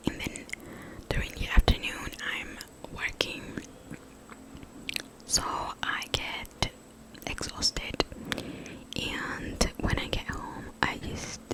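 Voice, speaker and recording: A young woman speaks in a hushed, breathy whisper at a very unhurried pace. She rambles casually in an ASMR style, halting and conversational as she goes. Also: rough recording. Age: young adult. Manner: hushed voice, pure unvoiced whisper. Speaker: ASMR content creator.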